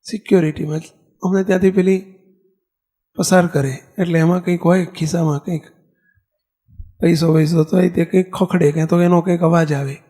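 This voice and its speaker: A man with a Gujarati accent giving a sermon as a monk, telling a story in an animated way and acting out the characters' lines. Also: on the high side, a little fast, long pauses.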